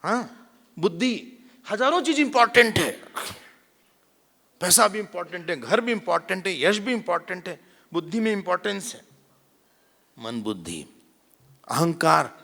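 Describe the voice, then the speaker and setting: A man leads a spiritual discourse in a lively, joking way, often slipping into the voices of ordinary people. His voice sits somewhat high and swings widely in pitch. The sound carries a long reverb from a large hall. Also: moderate pace, gravelly, long pauses. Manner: animated, mimics everyday people, mixes English words. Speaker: swami giving a scripture discourse.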